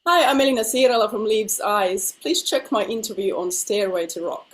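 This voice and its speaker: Her voice sits at a medium pitch, expressive and at a normal speed. Being interviewed as a singer over video call, she talks casually and laughs frequently; Finnish is her first language, and illness has left her sounding slightly nasal.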